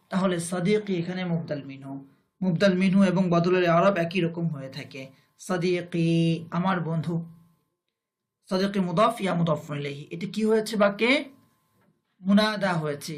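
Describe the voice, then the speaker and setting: Male teacher with a Bangladeshi Bengali accent, high voice, slow and deliberate, repeats phrases and then translates them. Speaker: Arabic grammar teacher. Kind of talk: recorded grammar lesson.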